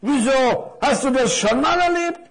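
A man voicing a thick, slow-witted gift-wrapped scarf in a children's story, puzzled and rambling. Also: very high voice, animated, breathy edge, voice pushed up, heavily acted. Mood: curious.

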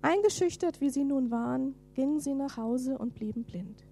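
A woman preaching a sermon, lively and dramatic as she reads scripture aloud, at times falling to a whisper. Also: high voice, moderate pace, creaky, faint music behind.

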